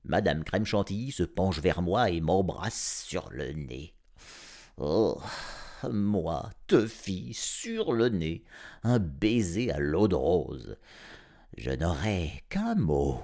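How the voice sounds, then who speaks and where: A man reading an audiobook aloud, narrating as a grumpy cat in a sardonic, animated first-person voice. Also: low voice, takes it slowly. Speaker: storyteller.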